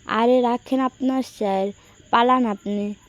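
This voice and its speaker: Brief: woman reading a flustered young male boss in an audio story, slow and urgent, fairly high voice. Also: steady tone, lightly acted. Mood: hurried, pleading.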